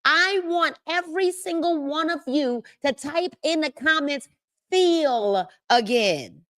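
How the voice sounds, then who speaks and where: High-voiced woman in her fifties preaching. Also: lively intonation, a bit bright, no echo, clean studio sound. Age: 50s. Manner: preachy, drawn-out reading with asides to viewers. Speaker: book club host. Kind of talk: live-stream book reading and motivational talk.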